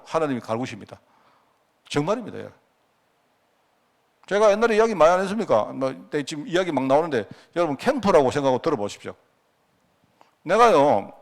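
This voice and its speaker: A middle-aged man, preaching and telling personal stories with asides to the congregation. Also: fairly high pitch. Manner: anecdotal, conversational, with frequent asides to the congregation. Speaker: pastor. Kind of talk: sermon storytelling.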